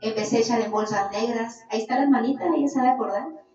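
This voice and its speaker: A woman shares a fervent religious testimony, pressing her point earnestly to the listener. Her slightly high voice sounds distant and dull, caught in a very echoey room with faint music underneath. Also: very fast, dark tone. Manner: earnest, calls listener "hermanito". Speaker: podcast guest giving testimony.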